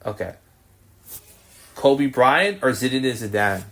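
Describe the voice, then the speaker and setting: A man hosting a podcast, firing off quick this-or-that questions with brief, low-key acknowledgements. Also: lively intonation, a bit bright. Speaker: podcast host. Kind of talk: casual rapid-fire this-or-that interview.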